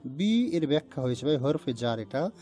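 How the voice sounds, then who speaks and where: A man teaching the Quran word by word, drawing out Arabic forms slowly and often asking his listeners questions. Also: mid-range voice, very animated, warm tone, soft background music. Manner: slow, drawn-out recitation of Arabic forms, repeatedly asks "ভাই".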